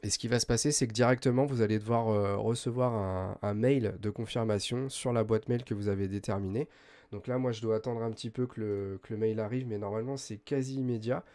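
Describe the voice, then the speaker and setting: A man hosting a software tutorial, explaining step by step in a chatty way, full of hesitations and self-corrections. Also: lowish voice, fairly even intonation, brisk. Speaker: host of a web tools tutorial channel. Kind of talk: screen-recorded software tutorial.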